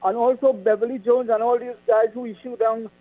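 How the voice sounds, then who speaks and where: A man with a Trinidadian accent, calling in to a radio show over a clipped phone line, talking in a halting way with many ums. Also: very high voice, fairly even intonation. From Trinidad and Tobago. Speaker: caller. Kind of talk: call-in radio chat.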